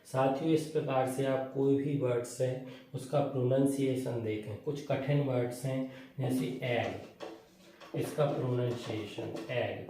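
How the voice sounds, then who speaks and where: Man teaching from across an echoey room. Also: mid-range voice. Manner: asks questions and answers them himself. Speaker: English teacher. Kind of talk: classroom grammar lesson. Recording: echoey room, voice from far off, faint noise.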